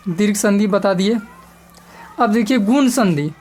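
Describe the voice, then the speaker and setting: A woman's voice: mid-range voice, animated, unhurried, a little mellow, slight background noise. A woman teacher giving a grammar lesson step by step, repeating key terms and asking the class questions.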